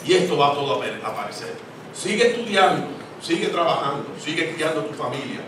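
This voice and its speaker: A man's voice: on the high side, sing-song, a little fast, background noise. A man preaching a sermon in church, emphatic and repetitive, with call-and-response questions. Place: church sanctuary. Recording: echoey church hall, distant mic, congregation.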